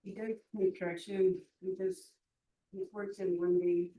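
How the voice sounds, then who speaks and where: A middle-aged woman gives short, halting answers as a witness in a courtroom recording. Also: lowish voice, flat delivery, narrow, tinny audio. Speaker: witness, mother of the defendant. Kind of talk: courtroom testimony. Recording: echoey courtroom from far off.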